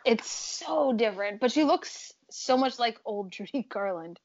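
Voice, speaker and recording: A woman's voice: on the high side, animated, measured pace, darkish tone, lo-fi sound. A woman co-hosting a casual trailer-reaction chat, chatty and enthusiastic. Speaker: co-host.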